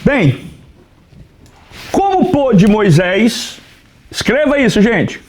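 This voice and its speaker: A pastor teaching a Bible class to his students in a lecture style. His voice sits high and swings widely, rising and falling as he asks questions and answers them himself. He keeps telling the class to write notes and now and then turns away from the mic toward the board. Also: big pitch swings, very slow, a little mellow. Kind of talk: classroom lecture on the Old Testament.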